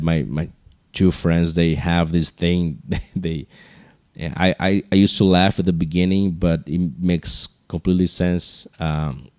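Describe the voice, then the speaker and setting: A man hosting a podcast solo, speaking slowly in a low, hushed register with casual, rambling, earnest encouragement. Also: no echo, studio quality. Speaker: podcast host.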